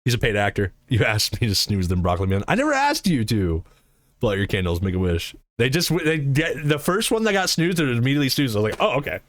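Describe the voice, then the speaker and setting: A man's voice: mid-range voice, very animated, quick pace, no echo, studio quality. A man streaming live, chatting casually and answering his chat in a rambling, swearing way.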